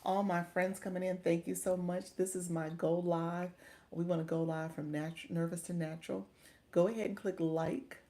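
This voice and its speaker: Upbeat gravelly-voiced woman livestream host. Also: lowish voice, level tone, normal speed. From Chicago, US Midwest. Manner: warm, upbeat, thanks viewers often, calls them friend. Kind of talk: casual livestream chat reading viewer comments.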